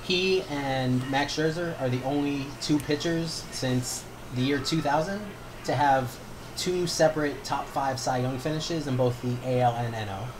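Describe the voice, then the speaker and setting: A man's voice: medium pitch, a little slow. Man on a noisy hissing line. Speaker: guest, co-founder of the show. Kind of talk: casual sports podcast chat. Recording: noisy line with steady hiss.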